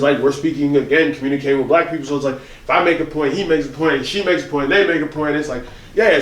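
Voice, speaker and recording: Animated man in a roomy echo. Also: on the high side. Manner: animated, jumps into loud mocking voices when quoting people. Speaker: podcast co-host. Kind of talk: casual comedic chat. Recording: roomy echo, far from the mic.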